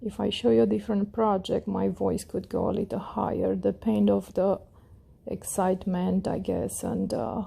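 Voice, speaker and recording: A woman hosting a crochet tutorial, talking in a calm, low, relaxed voice that slips into soft whispers. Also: normal speed, creaky, husky.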